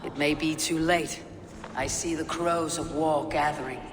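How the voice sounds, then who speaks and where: An actress playing a steady, diplomatic Viking warrior in a video game, measured and direct. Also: female voice, low-pitched. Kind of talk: dramatic video game acting. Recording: long hall reverb, music underneath.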